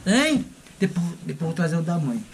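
High-voiced man teasing on camera. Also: very animated, brisk, vocal fry, background noise. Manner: teasing, laughing, coaxing. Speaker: vlogger. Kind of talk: casual prank vlog.

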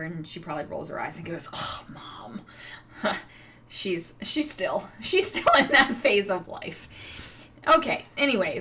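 A middle-aged woman talks slowly through her scrapbooking, rambling and laughing at herself with plenty of fillers. She sits a little away from the mic, so her voice sounds distant over a faint background hiss. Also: mid-range voice, a bit bright. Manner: chatty, rambling, self-amused, lots of fillers. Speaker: scrapbooking video host. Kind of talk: casual crafting chat. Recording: far from the mic, faint noise.

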